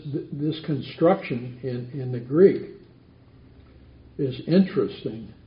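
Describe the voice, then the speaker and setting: A man's voice: medium pitch, vocal fry, slight background noise. A man teaching a Bible study class, asking the group questions and repeating their answers back. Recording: roomy, dull lo-fi recording.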